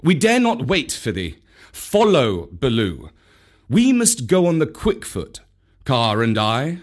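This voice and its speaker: A man's voice: medium pitch, huge pitch swings, takes it slowly, full character voice. Man doing a stately, commanding panther. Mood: urgent. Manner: stately, archaic speech.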